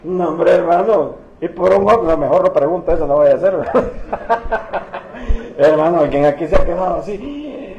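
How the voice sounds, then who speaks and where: A man's voice: sits high, lively intonation, normal speed, creaky, lo-fi sound. A man preaching in church, telling stories playfully and voicing the characters himself. The sound is echoey, from a church hall, with faint noise in the background. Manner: storytelling with humor, acting out biblical figures. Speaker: pastor. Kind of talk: sermon.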